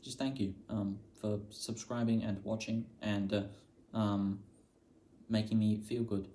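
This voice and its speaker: A young man just out of high school, chatting casually to the camera as a vlogger. He mocks himself and swears offhandedly. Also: flat delivery, slow pace, dark tone, a little hiss or hum. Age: young adult, just out of high school.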